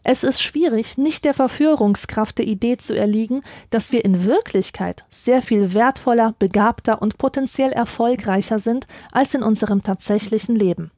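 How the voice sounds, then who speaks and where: A woman narrating a scripted philosophical essay in a measured, dryly ironic way. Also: fairly high pitch, mellow, dry recording, studio quality.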